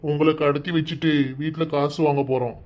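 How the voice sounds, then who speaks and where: Lightly acted and at a brisk pace, a man voices a gruff, bossy cartoon kidnapper from a gang, issuing threats and commands in a Kanyakumari Tamil accent. His pitch is fairly high and slightly mellow with a steady tone, and the audio sounds dull.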